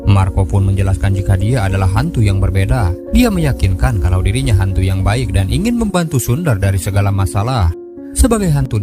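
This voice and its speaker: Low-voiced man narrating over music. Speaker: film recap narrator. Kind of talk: scripted storytelling narration. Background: background music.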